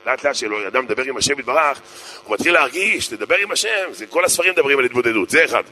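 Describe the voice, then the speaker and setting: A man gives a sermon with jokes and stories. His voice is strikingly bright and sharp, and he hammers his points home by repeating them. His pitch sits in an ordinary male middle. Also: animated, slight background noise. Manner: joking storyteller, repeats phrases for emphasis. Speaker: rabbi. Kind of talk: humorous sermon.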